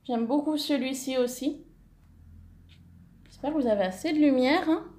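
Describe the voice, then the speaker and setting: A woman's voice: high-pitched, normal speed, warm tone, reverberant. A woman chatting casually through a haul video of craft papers, enthusiastic and full of fillers, correcting herself as she goes. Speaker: scrapbooking vlogger.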